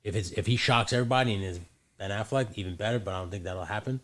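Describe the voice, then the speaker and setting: A man's voice: fairly low pitch, rapid-fire, fairly bright tone. A man co-hosting a podcast, chatting loosely with plenty of swearing and restarts. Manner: loose and profane, with frequent restarts. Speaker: podcast co-host. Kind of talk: casual chat.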